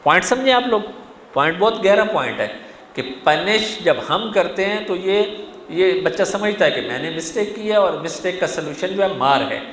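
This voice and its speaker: A man's voice: high-pitched, expressive, fairly bright tone. A man giving a sermon-style parenting lecture, talking animatedly and putting frequent questions to his audience. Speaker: religious lecturer. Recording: echoey hall with faint room noise.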